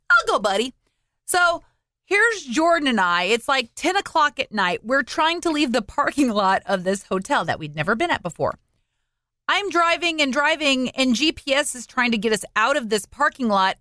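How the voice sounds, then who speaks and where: A woman's voice: sits high, moderate pace, no room sound, clean studio sound. A woman co-hosting a podcast, telling a travel story in casual chat and acting out the quotes. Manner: animated storyteller, acts out quotes. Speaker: podcast co-host.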